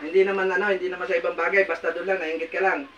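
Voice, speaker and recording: A man performing a folk healing ritual, sternly commanding and scolding his patient and sometimes speaking quietly to viewers. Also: high voice, little pitch movement, racing, muffled recording, a little hiss or hum. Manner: loud, forceful voice that drops to quiet asides. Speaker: folk healer.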